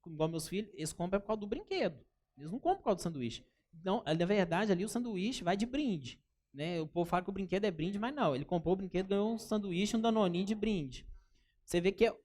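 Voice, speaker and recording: Lively Brazilian man teaching a workshop. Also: high-pitched. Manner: animated, chatty, keeps calling the audience "gente" and telling anecdotes. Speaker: workshop instructor. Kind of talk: live workshop talk to an audience.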